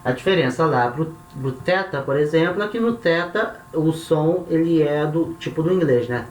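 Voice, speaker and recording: A man with a Brazilian Portuguese accent teaching a language lesson, slowly repeating each letter and its sound and checking in with tá and né. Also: fairly high pitch. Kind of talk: classroom-style lesson. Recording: echoey room.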